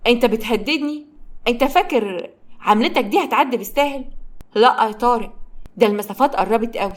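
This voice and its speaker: Brief: woman reading a bitter Egyptian man, fast, higher than a man's voice, storybook. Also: expressive, lightly acted. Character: despairing, then defiant grown man.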